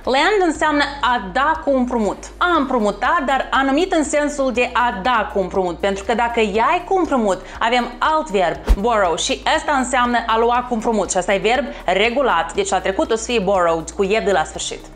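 A woman teaching an English lesson online, upbeat and encouraging, repeating words slowly and clearly. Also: on the high side, lively intonation, fairly bright tone, soft background music. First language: Romanian.

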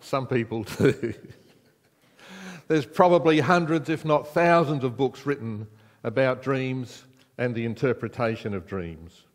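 A man's voice: mid-range voice, unhurried. An older man with an Australian accent preaching a sermon in a conversational way, putting questions to the congregation. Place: church sanctuary, indoors. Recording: long church reverb.

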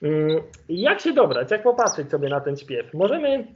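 A man giving an online lecture with slides as an ornithologist, explaining in a relaxed way and thinking aloud with fillers. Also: on the high side, moderate pace, a little hiss or hum. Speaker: ornithologist giving a webinar presentation. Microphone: video call. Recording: lo-fi video call audio.

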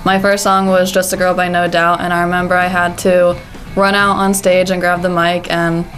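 A woman's voice: fairly low pitch, little pitch movement, normal speed, a bit bright, soft background music. An eighteen-year-old woman answering interview questions earnestly in a studio, stringing thoughts together. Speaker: music school student, drummer and singer. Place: indoor studio in front of a backdrop.

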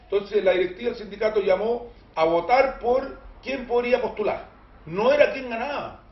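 A high-pitched Chilean man hosting a talk show, telling stories with emphatic, joking energy. The sound is dull and echoey, with faint room noise underneath. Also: moderate pace. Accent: Chilean Spanish. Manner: animated, emphatic storyteller with jokes. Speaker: host. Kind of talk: casual studio chat.

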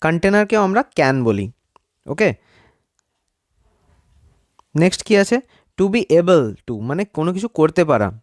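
A man's voice: fairly high pitch, big pitch swings, measured pace, long pauses, no room sound. A man gives a casual grammar lesson in a slightly raised voice that comes through dry and close. He explains each word patiently and checks in with an easy "okay" before moving on. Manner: addresses viewers as friends, repeats "okay" between points. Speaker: English teacher.

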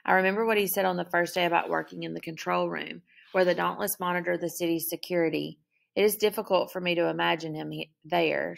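A woman reading a novel aloud as first-person narrator, in a steady, measured delivery. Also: on the low side, vocal fry. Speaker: audiobook narrator.

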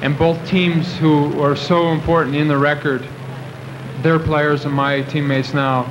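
A young man in his twenties answers reporters after a game. His voice sits slightly high, and he rambles through fillers and restarts. The old video recording carries a clear hiss. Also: level tone, unhurried, highs cut off. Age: 20s. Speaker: athlete at a post-game press conference. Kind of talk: post-game press conference answers. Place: press conference room. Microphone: table microphones at the podium.

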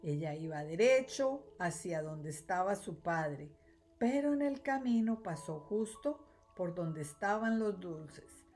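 A woman teacher reading a children's storybook aloud, clear and expressive. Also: fairly low pitch, takes it slowly, soft background music. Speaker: third-grade teacher.

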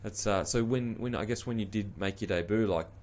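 A man's voice: fairly low pitch, fairly quick, darkish tone. A man in his thirties with an Australian accent hosting a podcast interview, chatty and encouraging with casual slang. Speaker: podcast host. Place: small studio with logo backdrop. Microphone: studio mic on boom arm.

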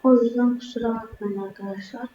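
A woman's voice: on the high side, fairly even intonation, a little fast, echoey room, muffled recording, slight background noise. A woman giving let's-play commentary to her viewers, keeping her voice down, now and then crying out when startled. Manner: talks to viewers, easily startled, exclaims when scared; keeps voice down, speaks softly. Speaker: gaming YouTuber. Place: indoor room at home.

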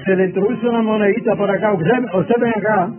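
A man's voice: high voice, fairly even intonation, quick pace. A very old man in his nineties talking eagerly and repetitively in a spontaneous live interview. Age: 90s. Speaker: interviewed amateur inventor. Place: room at home, indoors. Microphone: reporter's handheld microphone. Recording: tinny phone-like live feed, music behind.

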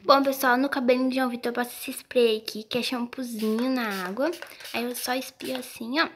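Girl with a high voice doing a mom role-play vlog, soft and gentle, coaxing tone. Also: steady tone, a little fast, breathy edge. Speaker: vlogger playing mother.

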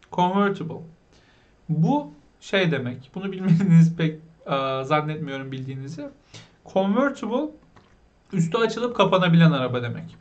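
High-voiced man teaching vocabulary. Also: highs cut off. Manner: explains patiently, asks learners questions, pronounces English words slowly. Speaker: English teacher. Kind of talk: vocabulary lesson.

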